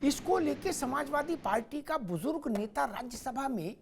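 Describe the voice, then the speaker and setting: Man, debate anchor, high-pitched voice, pointed and sarcastic questions. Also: lively intonation, normal speed, creaky, a little hiss or hum. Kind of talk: TV debate moderating.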